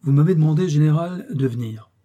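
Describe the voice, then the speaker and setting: A man voicing a shrewd, confident male police detective in disguise, with a brisk, commanding delivery. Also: a little high, warm tone, breathy edge, dull audio. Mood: brisk, assured.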